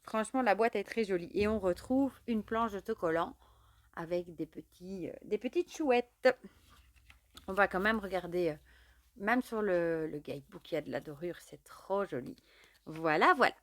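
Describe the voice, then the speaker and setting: Woman, casual unboxing vlogger, chatty and relaxed, mid-range voice. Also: medium pitch, normal speed, no room sound. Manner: chatty, fills with "voilà" and "euh". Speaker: tarot and oracle deck reviewer.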